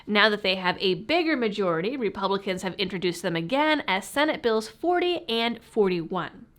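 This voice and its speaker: A woman's voice: mid-range voice, lively intonation, normal speed, a bit bright. A woman with a cold, her voice stuffy and muffled as if talking through a fishbowl, hosting a political commentary channel with sarcastic, pointed delivery.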